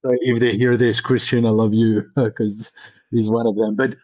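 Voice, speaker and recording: With a fairly low, darkish voice, little pitch movement and a moderate pace, a venture capitalist from Paris in his thirties shares personal stories as an interview guest. His manner is casual and enthusiastic. The audio is dry and muffled.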